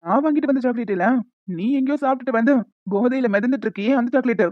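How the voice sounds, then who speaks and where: In this cartoon, a stern but caring young man, voiced by a woman lectures in a firm, rapid tone. The voice sits at a middle pitch. The recording is dry and dull, with a lo-fi sound. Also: no room sound, lightly acted. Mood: teasing. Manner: firm, lecturing, quick-talking. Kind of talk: animated story dialogue.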